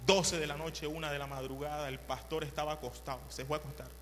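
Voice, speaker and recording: A male preacher telling a story in a sermon, animated and repetitive, swinging from hushed to loud. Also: fairly high pitch, fast talker, long reverb tail, a little hiss or hum.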